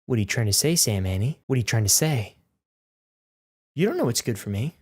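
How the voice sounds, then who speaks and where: A man's voice: mid-range voice, sing-song, a little fast, slightly rough. A nineteen-year-old man reading viewer comments aloud in a casual vlog. He is goofy and self-mocking, swears, and often breaks into mock outrage. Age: late teens.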